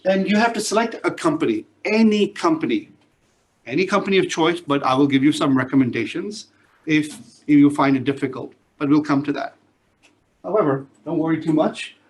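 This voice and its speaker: A middle-aged business lecturer, originally from Pakistan but raised in Singapore, introduces himself to his class with a Singaporean English accent. His voice is a little high, animated, and a bit fast, and he's chatty, tossing in joking asides and checking in with "all right?".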